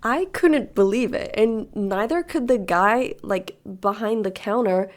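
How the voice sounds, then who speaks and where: A young woman in her late teens tells a story in a casual way. She sounds animated and indignant, and her pitch sits in the middle of the range. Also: a little slow. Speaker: video creator. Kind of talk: casual storytime over game footage.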